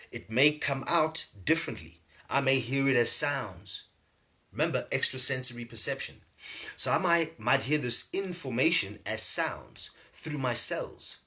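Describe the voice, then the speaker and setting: A man teaching casually on a livestream, animated, repeating words and laughing often. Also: medium pitch. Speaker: spiritual teacher streaming live. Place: home livestream setup.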